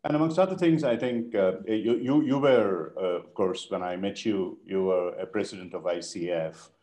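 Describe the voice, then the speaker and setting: A man's voice: low-pitched, normal speed, warm tone. A man interviewing a guest over a video call, asking questions with hesitant restarts. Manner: hesitant, frequent restarts and fillers. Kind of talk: conversational interview.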